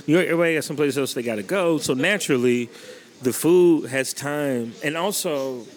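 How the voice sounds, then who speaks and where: A young man from Chicago hosting a casual chat, relaxed and opinionated, with lots of "like" and "you know.". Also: fairly high pitch, brisk. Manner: relaxed, opinionated, says "like" a lot. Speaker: host.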